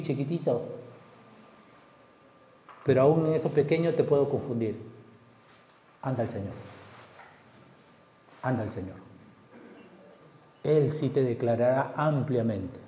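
A man's voice: medium pitch, mellow. A male pastor preaching a sermon, telling the story vividly, acting out the scenes and asking many rhetorical questions. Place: church hall. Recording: echoey hall, dull lo-fi sound.

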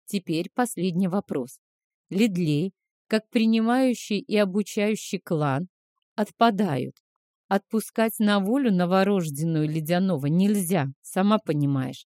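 A woman reading aloud and voicing a tender, commanding adult male clan leader who calmly lays out a plan. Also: medium pitch, unhurried, no room sound, studio quality, lightly acted. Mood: calm, planning.

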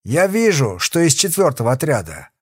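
A man voicing a cruel convict boss, menacing, threatening, lively pitch swings, dry sound. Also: moderate pace, husky, no echo, full character voice. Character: brutal middle-aged male convict boss, menacing and cruel.

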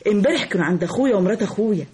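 A woman's voice: mid-range voice, expressive, very fast, darkish tone, lightly acted. An actress with an Egyptian accent voicing a fussy, nosy woman in a radio drama. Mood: eager. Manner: eager, fussy, nervous laughing. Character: nosy gossiping woman neighbor, middle-aged.

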